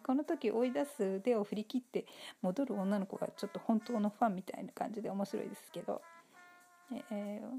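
A woman giving relaxed, casual spoken commentary on a TV episode, polite and chatty with many fillers. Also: mid-range voice, creaky.

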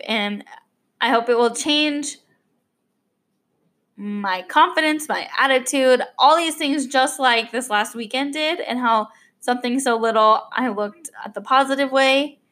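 Unhurried and a little high, with a fairly bright tone, a young woman's voice carries an unscripted podcast monologue in a casual style. She's a bit choked up as she rambles, using many fillers and starting over often.

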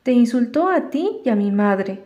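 Brief: woman playing a scornful storybook boy, calm and cold, mellow tone. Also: a little high, moderate pace, highs cut off. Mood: coldly calm. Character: pale, proud boy, cold and disdainful.

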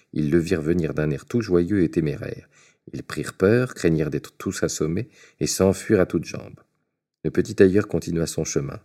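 A man reading a fairy tale aloud in a measured, expressive storytelling manner. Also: a bass voice.

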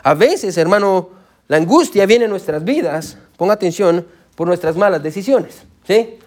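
High-voiced preaching man. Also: animated, moderate pace, darkish tone. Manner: fervent, keeps calling out "amén" and "escuche" to the listeners. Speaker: pastor. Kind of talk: sermon.

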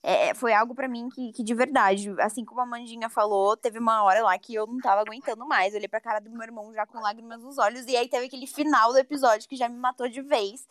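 A woman's voice: a little high, steady tone, fast, few pauses, fairly bright tone, no room sound, clean studio sound. A Brazilian woman co-hosting a podcast, speaking earnestly and searching for words. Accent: Brazilian Portuguese. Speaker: podcast co-host. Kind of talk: casual podcast chat.

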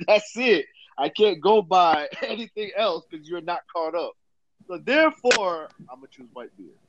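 A young man in casual group banter, slangy and quick to argue. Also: sits high, sing-song, muffled recording. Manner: slangy, argumentative.

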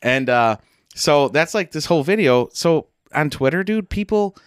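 A man's voice: fairly high pitch, animated, moderate pace, clean tone, no echo, clean studio sound. A man co-hosting a casual sports chat, swearing freely and rambling through stories. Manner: profane, rambling storyteller. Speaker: podcast co-host.

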